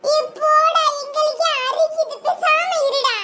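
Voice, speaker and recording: A woman's voice: very high-pitched, fairly even intonation, unhurried, heavy background noise. A woman voicing a young girl in a cartoon who whines and pleads because her whole body itches. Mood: complaining. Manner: whiny, pleading. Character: young girl, itchy and complaining.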